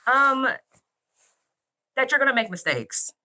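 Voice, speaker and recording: A woman from Arkansas, a bakery owner, chatting as a guest in a casual interview, upbeat and quick to laugh. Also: sits high, very animated, sharp tone. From Arkansas, USA.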